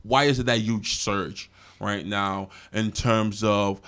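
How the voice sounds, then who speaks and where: A man's voice: fairly low pitch, fairly even intonation, slow, a bit bright, clear, resonant tone. A man in his thirties hosting a podcast, affirming his guest often and asking questions into a desk microphone in a small studio. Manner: affirming, many backchannels, asks questions. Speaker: podcast host. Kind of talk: podcast interview. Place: small studio with wood-panel wall. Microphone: desk mic on stand.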